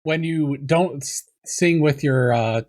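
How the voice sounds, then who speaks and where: A man's voice: fairly high pitch, slow pace, darkish tone. A male host in a casual interview, teasing his guest and asking long, rambling questions.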